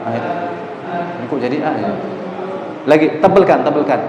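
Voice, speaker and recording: A man's voice: medium pitch, moderate pace, a crowd in the background. A man teaching Quran recitation, patiently coaxing students through pronunciation drills and demonstrating the sounds himself. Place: mosque hall. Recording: echoey mosque hall, faint ambience.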